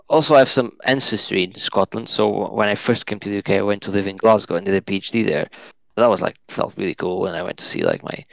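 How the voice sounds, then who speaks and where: Speaking as a podcast guest, this man from Portugal, a native Portuguese speaker, chats casually but haltingly, filling pauses and restarting often. His voice is fairly low and gravelly, in a dull, lo-fi, dry recording.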